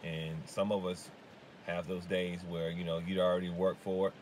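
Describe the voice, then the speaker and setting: A very deep-voiced man talks casually to his viewers about running a lawn care business. His talk is halting, with lots of "um"s and restarts. Faint noise hums behind him. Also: level tone. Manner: halting, full of fillers and restarts. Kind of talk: casual advice vlog.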